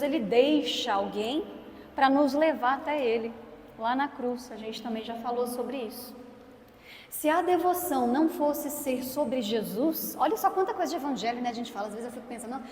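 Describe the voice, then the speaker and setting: A young Brazilian woman with a Brazilian Portuguese accent gives a lively parish consecration class in a church hall, playfully questioning her audience. Her high voice has a darkish tone, and the echoey hall adds long reverb along with slight hiss or hum.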